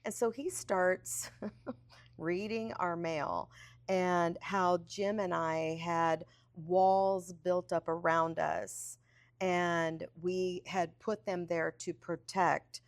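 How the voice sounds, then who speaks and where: A middle-aged woman hosts a relaxed faith podcast, her voice sitting a little low. She tells stories with energy and breaks into laughter along the way. The recording is close and dry. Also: very slow, no room sound. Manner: animated storyteller, laughs often, acts out quotes. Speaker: podcast host. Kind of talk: casual faith podcast conversation.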